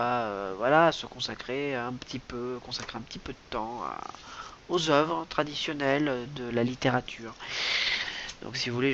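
Stammering and circling back over his own words, a man with a fairly bright, mid-range voice performs a rambling, mock-serious improvised comedy bit as a vlogger. The audio is lo-fi, with a faint hiss underneath.

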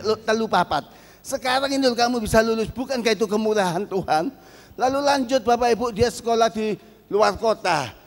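A middle-aged male pastor with an East Javanese Indonesian accent, preaching a sermon as a story and rising to shouts. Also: extremely high pitch. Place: large church hall. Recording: long hall reverb.

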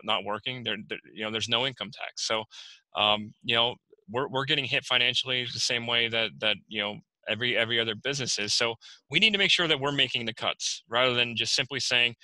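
Bright-voiced man reporting at a council meeting. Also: on the low side, dry recording, poor audio. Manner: hesitant, many fillers and restarts. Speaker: borough manager. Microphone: video call.

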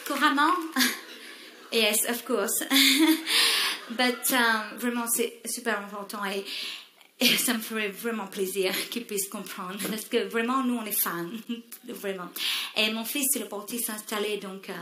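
A woman's voice: mid-range voice, unhurried, sharp tone, roomy sound. A woman doing a showy snobbish Creole mother. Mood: gushing. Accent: Réunion Creole French. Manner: affected, gushing, sprinkles English words. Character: pretentious middle-aged Creole mother, showy traveler. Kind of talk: stand-up character sketch.

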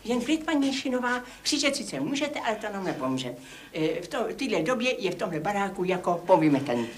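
An actress playing a fussy, bossy older woman neighbor in a 1980s TV comedy, dramatic and hushing. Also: medium pitch, very animated, slight background noise, close to an everyday voice. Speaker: nosy neighbor.

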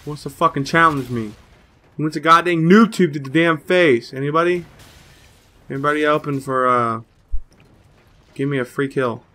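A slightly hoarse young man giving excitable, trash-talking live commentary over his own gameplay as a gaming channel host. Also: fairly high pitch, moderate pace, pauses often, a little hiss or hum. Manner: excitable trash talk, cursing. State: slightly hoarse, a little sick.

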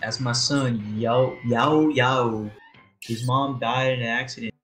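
Mid-pitched young man in game chat. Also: fairly even intonation, slow pace, a bit bright. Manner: slangy, blunt, swearing. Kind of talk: casual gaming chat.

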